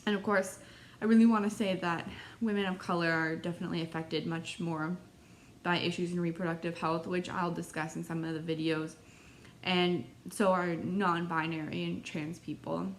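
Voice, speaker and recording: This is a woman with a slightly low voice narrating her own project. She speaks earnestly and thoughtfully, and "like" keeps slipping into her sentences. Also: flat delivery, moderate pace, a little hiss or hum. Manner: thoughtful, uses fillers like "like". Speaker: student interviewer.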